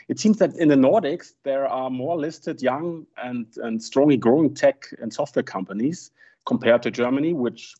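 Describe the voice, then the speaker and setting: A man's voice: mid-range voice, moderate pace, mellow, breathy edge. A man moderating a panel discussion, putting questions to the guests as host. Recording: dull lo-fi sound.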